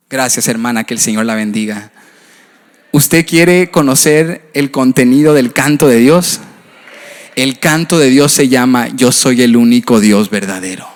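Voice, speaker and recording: Pastor, male, high voice, impassioned chanting sermon delivery, big church reverb. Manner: impassioned preaching with a rhythmic, chanting cadence. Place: church sanctuary. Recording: long reverb of a church hall.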